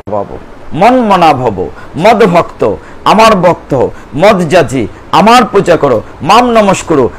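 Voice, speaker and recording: A man's voice: on the high side, a little hiss or hum, rough recording. A man giving a devotional sermon on scripture to a gathering, earnestly addressing his listeners. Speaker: Gita preacher.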